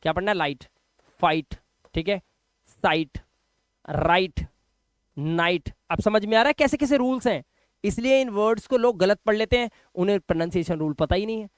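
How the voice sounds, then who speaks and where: A man gives an English lesson in a high, smooth, clear voice. He speaks emphatically, repeating words and asking the viewer questions. The sound is dry and close. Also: animated, moderate pace, pauses often, no echo. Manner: emphatic, repeats each word and quizzes the viewer. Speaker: English teacher. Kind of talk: spoken classroom lesson.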